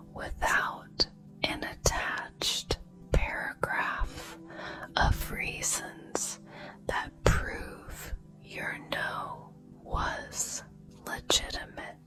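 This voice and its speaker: A woman delivers a whispered pep talk in slow, reassuring affirmations. Her unvoiced whisper is soft and breathy with a crisp, bright edge, and music plays behind it. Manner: slow, deliberate, reassuring phrasing with pauses. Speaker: ASMR affirmation speaker.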